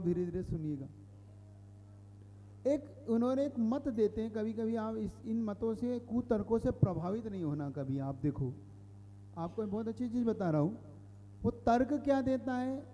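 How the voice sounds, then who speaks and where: A man's voice: high-pitched, mellow. A man, a Jain monk, giving a sermon to an audience. He explains step by step, repeats phrases and asks his listeners questions. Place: hall with a live audience. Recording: hall reverb.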